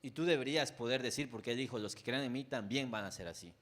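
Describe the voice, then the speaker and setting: In this clip a Mexican-accented pastor talks his sermon through conversationally, facing his listeners head-on with many asides. His volume rises to loud, emphatic peaks and drops to quiet, low lines, and he is a fast talker.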